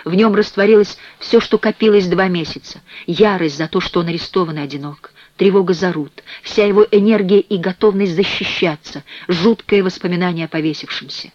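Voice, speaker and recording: A man reading an audiobook in a measured, expressive narration. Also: high-pitched, dry recording. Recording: dry, slightly dull studio recording.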